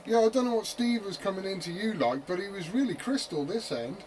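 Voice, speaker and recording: Over a CB radio set, a man who operates as an amateur talks slangily and casually, cursing freely, in a high, expressive voice at a brisk pace. Heavy static fills the noisy transmission.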